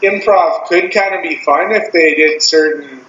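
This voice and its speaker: Laughing storyteller, swears freely; higher voice in an echoey, lo-fi room. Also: male voice, measured pace, fairly bright tone. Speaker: podcast co-host. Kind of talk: casual chat. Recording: roomy, dull lo-fi sound with faint hiss.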